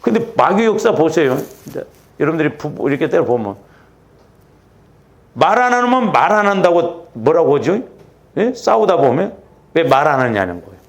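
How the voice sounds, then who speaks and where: A man preaching a Friday night church sermon, animated, acting out little quarrels as he goes. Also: on the high side, normal speed, gravelly, long pauses. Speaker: pastor.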